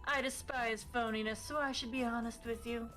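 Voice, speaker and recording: A woman voicing a brooding goth female ghost killer in a dating game, in a wispy, breathy, sardonic voice. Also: a little high, steady tone, moderate pace, fairly bright tone, soft background music, close to an everyday voice, rough recording.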